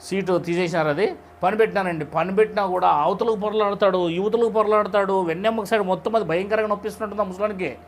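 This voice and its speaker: Leading a Bible study, a high-voiced preacher speaks quickly and with a steady tone in a conversational sermon. He tells stories in plain words and keeps asking his audience rhetorical questions, while a soft noise hums in the background.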